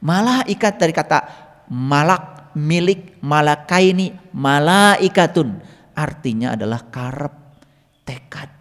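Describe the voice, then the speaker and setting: A man teaching a religious lesson in sermon style, firing rhetorical questions at his listeners and reciting Arabic verses slowly and drawn out. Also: on the high side. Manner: lively, fires rhetorical questions at the audience. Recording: long reverb, hall-like room.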